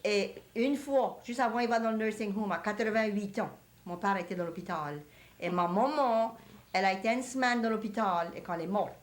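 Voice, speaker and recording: A woman's voice: medium pitch, brisk. Older woman with Cajun French accent. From Louisiana, USA. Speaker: interviewee in family group. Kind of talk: casual oral-history conversation.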